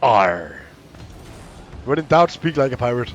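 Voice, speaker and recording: A man's voice: on the high side, expressive, normal speed, dull audio. A young man streaming a game and chatting casually with friends, joking, swearing and laughing often. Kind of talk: casual gaming chat with friends. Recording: faint background noise.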